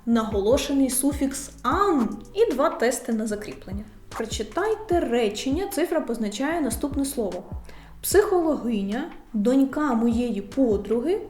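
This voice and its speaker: Brief: a higher-voiced woman teacher, careful explanations, roomy sound. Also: a little mellow. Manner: slows down to contrast word stresses. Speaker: exam-prep teacher. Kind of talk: scripted explainer video.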